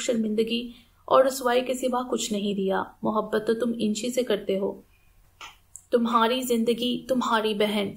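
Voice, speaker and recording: A woman's voice: a little high, creaky. A woman reading the lines of a wronged young wife, accusing and pleading in an audiobook novel. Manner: pleading, reproachful questions.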